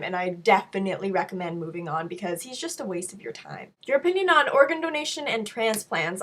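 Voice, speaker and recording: A young woman with a voice affected by being sick, answering questions in a frank, casual vlog style with playful asides. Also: medium pitch. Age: young adult. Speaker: video blogger answering viewer questions. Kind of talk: casual chat to camera, Q&A.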